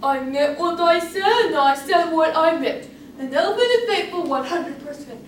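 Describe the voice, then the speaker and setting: A woman's voice: very high voice, expressive. A woman playing a faithful, earnest elephant. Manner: earnest, slow, deliberate. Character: kind faithful male elephant, steady and earnest. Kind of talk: duo interpretation performance. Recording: echoey room, mic far off, faint noise.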